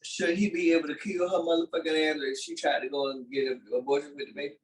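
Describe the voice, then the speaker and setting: Podcast co-host: man, high lively voice, bright, playful provocateur, slightly distant mic. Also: fast. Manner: loud, playful, provoking the others with questions. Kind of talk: casual podcast chat.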